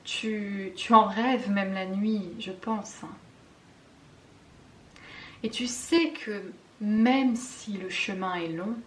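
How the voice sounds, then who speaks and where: French woman, tarot guidance host, very unhurried, hushed and hesitant, faint hiss behind. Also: medium pitch. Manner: slow, soft and intimate, often dropping to a whisper; hesitant, with fillers and self-mocking laughs. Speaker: tarot card reader. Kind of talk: spiritual card-reading guidance.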